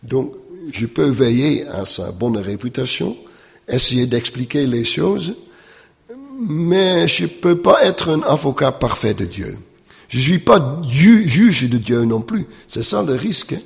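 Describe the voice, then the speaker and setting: Lecturing on the Bible, a non-native man speaks slowly and haltingly, peppering his talk with "euh" and tag questions; his first language is not French. His mid-range voice is gravelly and expressive, moving up and down a lot, and a long reverb follows it as if he stood in a large hall.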